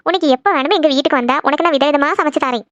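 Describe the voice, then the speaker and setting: Give me a woman playing a bustling cartoon mother, quick and squeaky-high. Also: dry recording, muffled recording, natural voice. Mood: reassuring. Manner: brisk, homely chatter. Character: chatty village mother, cheerful and bustling. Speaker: cartoon voice actor. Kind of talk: Tamil cartoon dubbing.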